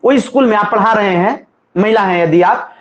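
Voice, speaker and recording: A man's voice: high-pitched, moderate pace. A male teacher, drilling students in an exam-coaching lesson with call-and-response repetition. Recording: echoey room, slightly dull sound.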